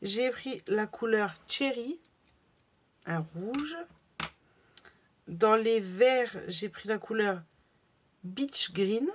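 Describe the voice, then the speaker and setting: A woman's voice: medium pitch, drawn-out words, pauses often. Chatty French woman showing craft buys. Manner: chatty, hesitant with many fillers. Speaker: crafting vlogger. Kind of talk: casual haul video.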